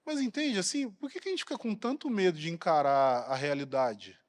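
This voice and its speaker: A man's voice: high voice, animated, a little fast. A man with a Brazilian Portuguese accent preaching a sermon in a blunt, colloquial, provocative way. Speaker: pastor. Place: large church hall. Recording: long reverb of a church hall.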